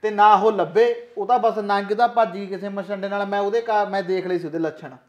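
A man plays a callous son-in-law who brushes everyone off and pushes his own demands. His voice sits high and the words come out quickly. The recording sounds dull and lo-fi. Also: steady tone, natural voice. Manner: dismissive, pushy. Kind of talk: village short film acting.

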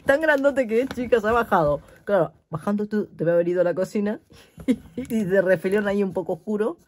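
A craft vlogger from Spain chats animatedly with her followers while unboxing a gift in her craft room at home, laughing often. Her medium-pitched voice has a darkish tone, and the laptop mic adds a little hiss or hum.

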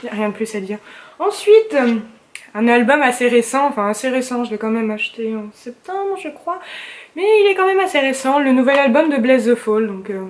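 A woman's voice: on the high side, lively intonation, fairly quick. A young woman vlogging in casual chat, gushing and chatty with slang and fillers, at home indoors. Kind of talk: casual chat about favorites.

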